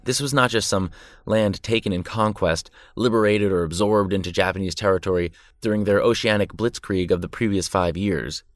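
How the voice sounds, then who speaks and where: A man's voice: lowish voice, moderate pace, dry recording, studio quality. A man narrating war history from a script, dramatic with an irreverent edge. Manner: dramatic yet irreverent storytelling.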